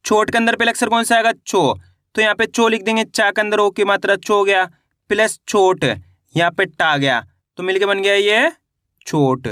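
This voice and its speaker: A man teaching reading, patiently sounding out each syllable and stretching the words slowly. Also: high voice, a bit bright, smooth, no room sound, clean studio sound. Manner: patient, repetitive, drawn-out word sounding. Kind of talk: slow syllable-by-syllable phonics lesson.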